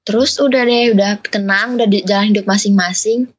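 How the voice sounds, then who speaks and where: A woman's voice: mid-range voice, fairly even intonation, fairly quick, husky, muffled recording. A young woman, a podcast guest telling a story casually and acting out what people said. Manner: chatty, recounts with quoted dialogue.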